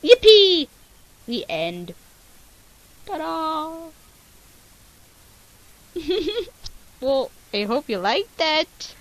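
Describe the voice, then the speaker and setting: In a hissy amateur home recording of poor quality, a woman performs a fan fiction as a comic dramatic reading. Her high voice swings widely in pitch, she stretches out words and pauses often, and her delivery is playful and exaggerated.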